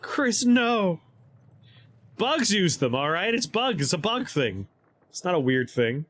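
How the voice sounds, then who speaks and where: Speaking at normal speed in a slightly high voice, a game streamer talks to his audience in an excited, casual way. Frequent laughter breaks up his chat, and he reads the game's text out loud.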